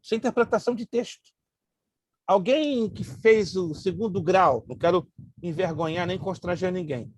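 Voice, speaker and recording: A pastor whose first language is Hebrew teaches a Bible class in an emphatic, joking manner, slowly repeating grammar terms. His voice sits high, with slight background noise.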